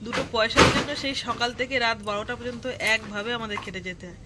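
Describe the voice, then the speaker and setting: Amid noisy household ambience, a fast-talking woman with a fairly high voice vlogs from home. She narrates her chores to viewers in a running commentary, carrying her phone as she moves inside and out.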